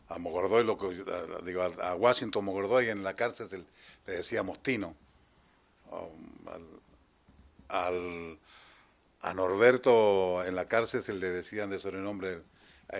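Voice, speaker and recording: Older man in his sixties, Argentine accent, low voice, hesitant witness testimony, trails off. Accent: Argentine Spanish. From Chile, raised in Argentina. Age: 60s. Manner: halting, hesitant, trailing off quietly. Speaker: trial witness. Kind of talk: courtroom testimony.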